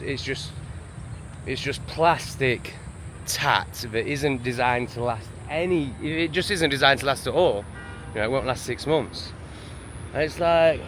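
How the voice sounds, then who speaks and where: A man's voice: medium pitch, fairly bright tone, slight background noise. A man with an English accent in a casual vlog rant, exasperated and sweary, rambling from one gripe to the next. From England. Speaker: vlogger. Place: home in a town, street sounds outside.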